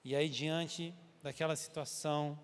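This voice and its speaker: A man's voice: on the high side, fairly even intonation, a little slow, clean tone. A man preaching a sermon in a church, telling a story animatedly and acting out its scenes while calling his listeners brother. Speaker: pastor. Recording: long church-hall reverb.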